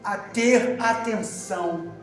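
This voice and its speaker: A man preaching in a church with a very high voice, telling his story with shouted emphasis and bursts of laughter. He is heard from a distance in a strongly echoing hall. Faint music plays behind him. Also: slow pace. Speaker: deacon preacher. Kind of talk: sermon. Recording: echoey hall from far off with music.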